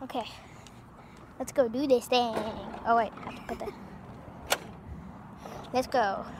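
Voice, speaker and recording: A woman's voice: on the high side, fairly even intonation, measured pace, background noise. A teenage girl vlogging casually outdoors on a street into a handheld phone camera, rambling with lots of fillers and restarts. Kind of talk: casual vlog chat.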